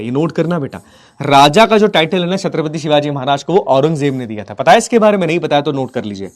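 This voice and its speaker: A man teaching history as a story in a casual, affectionate way. He acts out the figures' lines in quick asides and keeps asking his students whether they have understood. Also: a little high. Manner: keeps checking if students follow, affectionate, addresses them as kids.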